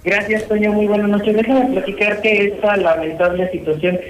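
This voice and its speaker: High-voiced guy reporting news, phone held too far, sounds hollow. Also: little pitch movement, normal speed, reverberant, faint music behind. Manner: formal, wordy reporting. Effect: phone held away, hollow speakerphone sound. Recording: hollow distant phone line.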